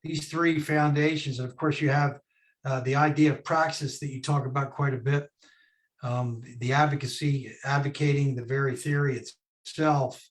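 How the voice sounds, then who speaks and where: A man hosting a conversation over a video call, speaking in a measured way with frequent "uh" and "um". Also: medium pitch, steady tone. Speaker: host. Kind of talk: hosted conversation.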